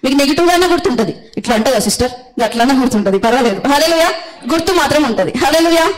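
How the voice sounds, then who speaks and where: A woman preaching a sermon. Her voice sits a little high. She speaks bluntly and forcefully, stressing her points with repeated hallelujahs. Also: expressive, rapid-fire, low-quality recording.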